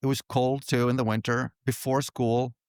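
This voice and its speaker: A middle-aged man from Finland, answering interview questions in a relaxed, halting way with frequent restarts. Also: medium pitch, clear, resonant tone, dry recording, studio quality. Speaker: podcast guest, company founder.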